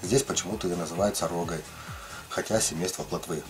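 A middle-aged man who once lived in Ukraine and now lives in the Russian far north casually explains his ice fishing tackle, rambling with plenty of fillers and restarts. His voice sits low and moves fairly quickly over soft background music.

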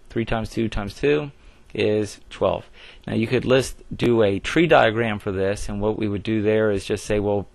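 A man's voice: on the low side, dry recording. A man teaching a recorded math lesson, explaining step by step in a plain way with frequent fillers and restarts. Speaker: math instructor.

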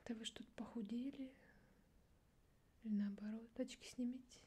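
A young woman in a barely audible whispered role-play as a gruff, disdainful border guard, muttering sardonically. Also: fairly high pitch, steady tone, normal speed, a little hiss or hum. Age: young adult. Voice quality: soft whisper, mostly unvoiced, barely audible. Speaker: ASMR performer playing a border officer. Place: small dark indoor studio setup.

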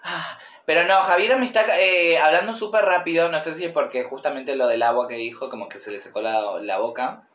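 A man's voice: on the high side, a little fast, fairly bright tone, echoey room, distant mic. A man giving casual reaction commentary on a comedy routine, chatty and gushing.

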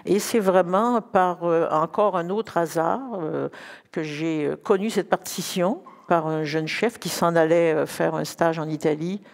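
Low-key creaky-voiced older woman. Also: steady tone, measured pace. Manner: hesitant, stop-start phrasing with repeated words. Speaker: conductor, ensemble director. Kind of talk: unscripted talk about music. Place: large concert hall stage, indoors. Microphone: headset.

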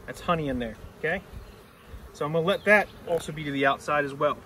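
A man's voice: on the high side, fast talker, bright, forceful tone, a little hiss or hum. A middle-aged man teaching beekeeping, explaining each step in a plain way while he works outdoors. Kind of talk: hands-on teaching demonstration. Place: outdoor apiary on a grassy yard. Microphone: camera mic a few steps away. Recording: distant outdoor camera audio.

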